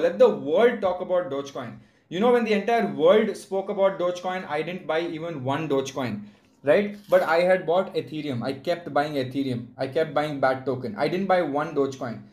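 A man's voice: fairly high pitch, a little mellow. A man speaking casually on an online call, explaining his opinions emphatically and repeating words for stress. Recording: roomy, echoey online call audio.

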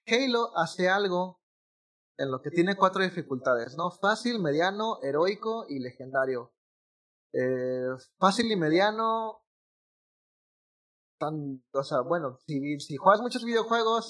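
A young man in casual gaming chat, talking in an animated, rambling way with slang and restarts. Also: high voice, unhurried.

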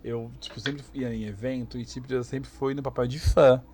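A young man with a Brazilian Portuguese accent, chatting casually as a guest and telling lively stories, laughing often and acting out what people said. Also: mid-range voice, normal speed, noisy background. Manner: animated storyteller, laughs often, acts out quotes. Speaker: streamer guest. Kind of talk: casual podcast chat.

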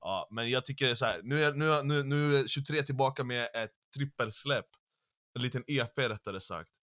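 Bright-voiced playful young man. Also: mid-range voice. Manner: playful, quick, jokey. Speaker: podcast co-host. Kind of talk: casual chat about hip hop.

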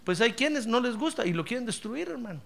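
A middle-aged man preaching a sermon as pastor, telling stories and calling his listener brother, swinging from hushed asides to loud praise. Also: very high-pitched, a little fast, creaky. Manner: animated storytelling, addresses listener as brother, swings from hushed to shouting. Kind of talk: sermon with anecdotes.

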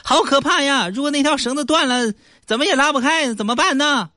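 Squeaky, worried TV reporter voiced by a man, alarmed questions, pitched well up. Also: brisk, pushed and bright, no room sound, studio quality.

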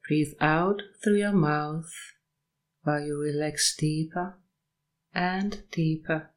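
A woman's low-sitting voice, fairly even in intonation, guides a session of sleep meditation and hypnosis. She keeps her phrases short, measured, and calming, pausing at length between them.

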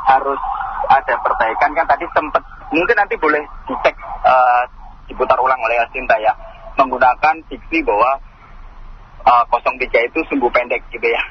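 A man's voice: medium pitch, lo-fi sound, slight background noise. A male radio caller giving his opinion, hesitant and full of fillers. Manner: hesitant, many fillers and pauses. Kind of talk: phone-in commentary.

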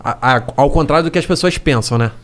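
A man's voice: a little high, fast, over a noisy crowd. A man talking as a guest on a podcast, loose and slangy in casual chat. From Brazil.

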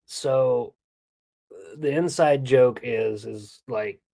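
A man's voice: medium pitch, takes it slowly, creaky, mellow. A man co-hosting a podcast in casual banter, telling stories and ranting for laughs. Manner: ranting storyteller, jokey, laughs often. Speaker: podcast co-host.

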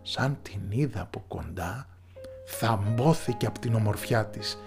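A man narrating a fairy tale in a measured storyteller's manner, dropping low and soft in the quiet moments. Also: vocal fry, over music.

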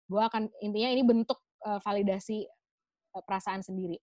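A woman's voice: mid-range voice, fairly even intonation, a little fast, a little mellow, dry recording. A woman patiently explaining things in a casual chat, slipping in English phrases. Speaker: guest explaining emotions.

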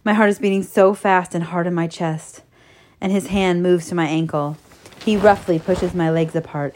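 A woman narrating a first-person erotic story in a soft, steady, intimate reading. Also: on the low side.

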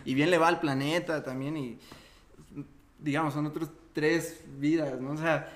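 A man's voice: on the high side, fairly even intonation, unhurried. A man co-hosting a casual podcast, speaking earnestly with frequent rambling restarts. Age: 30s. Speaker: podcast co-host.

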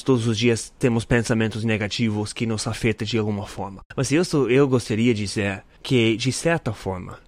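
A man's voice: on the low side, dry recording. A man from the United States, a native English speaker, hosts a casual motivational podcast in American-accented Portuguese, using simple learner phrasing and repeating for emphasis. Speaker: podcast host.

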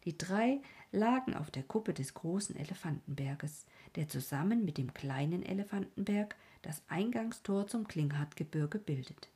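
Husky woman narrating an adventure tale. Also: on the low side, lively intonation, normal speed, few pauses, dark tone. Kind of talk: scripted audiobook narration.

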